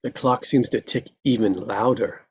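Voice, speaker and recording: At a table read, a narrator with a husky, mid-range voice reads screenplay stage directions in scripted present-tense narration. The pace is moderate, and the recording sounds muffled.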